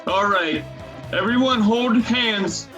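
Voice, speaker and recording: A woman's voice: fairly high pitch, slow pace, fairly bright tone, lo-fi sound, faint music behind. A woman voicing Captain Hook, disguised as a fussy, dramatic babysitter. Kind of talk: amateur radio play acting.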